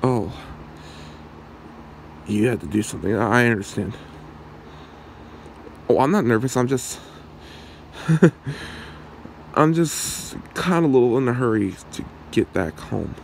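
In an ASMR roleplay, a man plays a shy, lovestruck young man who is hiding a secret. He speaks haltingly and awkwardly in a low, gravelly voice that is still expressive, and the mood is uneasy. There is slight background noise.

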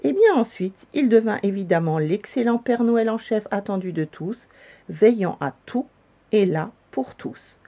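A woman reading a children's story aloud, with calm, gentle narration. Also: medium pitch, unhurried.

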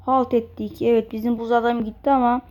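A woman giving casual, excitable commentary while playing a mobile fighting game. She thinks aloud, sounds openly confused at times, swears casually and breaks into loud outbursts. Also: a little high, fairly quick, muffled recording, background noise. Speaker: mobile game let's-player.

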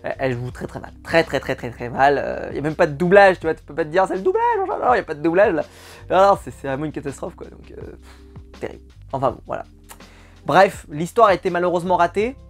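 A man's voice: fairly high pitch, quick pace, faint music behind. A man giving a casual, exasperated spoken film review, often repeating words for emphasis. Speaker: film critic.

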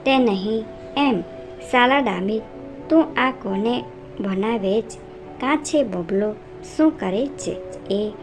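A woman's voice: a little high, takes it slowly. A woman reading the lines of a fierce, bullying male police officer in a storybook narration, scolding and contemptuous. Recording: narration over music.

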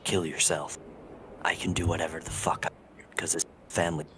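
Male actor for a rude, dismissive game hedgehog antihero; very deep register, improvised fan dub. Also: little pitch movement, brisk, a bit bright, a little hiss or hum. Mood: scornful, insulting. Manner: blunt, profane, dismissive.

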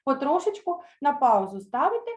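A woman teacher reading a children's story aloud in an online lesson, then explaining words slowly and carefully with some hesitant fillers. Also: sits high, sing-song, darkish tone, echoey room. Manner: slow, careful pronunciation of words for pupils to repeat.

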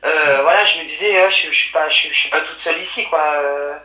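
A woman telling what she witnessed, in halting speech full of restarts and fillers. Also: low-pitched, reverberant, over a noisy crowd, poor audio. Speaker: witness telling her story. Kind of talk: hesitant testimony by phone or call.

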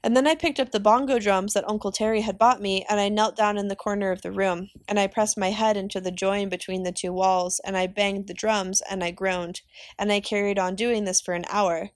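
A woman reads a novel aloud for her students, steady and unhurried. Her voice sits in a middle register. The sound is dry and close, with no room around it. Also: mid-range voice, no room sound. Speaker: teacher reading aloud. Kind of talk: audiobook reading of a novel.

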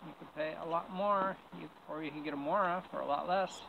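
A middle-aged man narrating casually to camera while doing bushcraft outdoors, relaxed and chatty, amused at his own remarks. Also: on the high side, fairly quick, creaky, narrow, tinny audio. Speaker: bushcraft vlogger. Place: outdoors in winter woods, sitting on the ground. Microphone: camera mic on a nearby tripod. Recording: outdoor camera audio with steady background noise.

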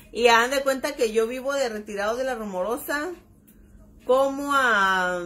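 Chatty Mexican woman with a slightly high voice. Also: fairly bright tone. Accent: Mexican (Baja California). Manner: chatty, exclamatory, keeps calling viewers "chiquillas". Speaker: makeup vlogger. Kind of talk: casual live-stream chat. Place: home room by her vanity.

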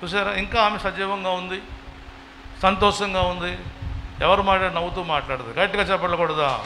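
A man preaching a sermon as a pastor, swinging from quiet passages to loud, rising exhortations. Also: high-pitched, fairly even intonation, fairly quick, a little hiss or hum, poor audio. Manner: preaching with sudden loud rises and quiet drops.

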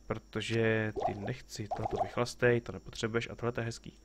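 A man's voice: on the low side, little pitch movement, very noisy. A man streaming a game, chatting casually, joking with the characters on screen and greeting viewers as they arrive. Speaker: live streamer playing a game. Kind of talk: casual gameplay commentary.

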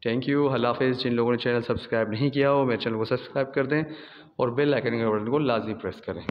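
A man's voice: mid-range voice, fairly even intonation, quick pace. A man in his thirties with a Pakistani Urdu accent, a gym owner chatting casually as he walks through his gym on a phone camera, tagging his sentences with "theek hai". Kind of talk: casual walkthrough vlog. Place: large indoor gym. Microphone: phone camera, selfie then walking. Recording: lo-fi phone audio with faint room noise and reverb.

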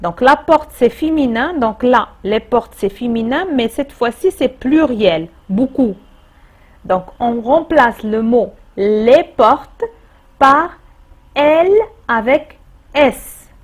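Slow, patient woman teacher. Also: on the high side, animated. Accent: Moroccan French. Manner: slow, patient explaining with repetitions. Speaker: primary school teacher. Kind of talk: distance-learning lesson.

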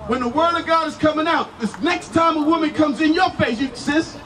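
A man's voice: very high-pitched, a little fast. A man in his forties preaching on a street corner into a handheld microphone, commanding and full of pointed questions. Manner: insistent, commanding, repeated rhetorical questions. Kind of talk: confrontational street sermon, explaining scripture. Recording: distant outdoor street PA, crowd noise.

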